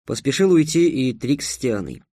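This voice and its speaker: A man narrating an audiobook in a steady, wry storytelling manner. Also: mid-range voice, moderate pace, no room sound, studio quality. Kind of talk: scripted narration.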